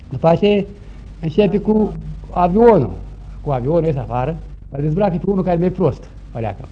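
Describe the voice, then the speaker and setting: Older man, high-pitched, animated folk storyteller who mimics noises; muffled lo-fi tape. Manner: lively, acts out shouts and sounds. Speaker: interviewee recalling village customs. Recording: dull lo-fi recording, faint noise.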